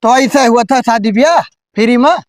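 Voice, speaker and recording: A man's voice: very high voice, moderate pace, no echo, clean studio sound. A man playing a blunt, bossy village headman who hands out advice in an Awadhi accent in an amateur comedy sketch. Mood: stern, bossy. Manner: blunt, advising.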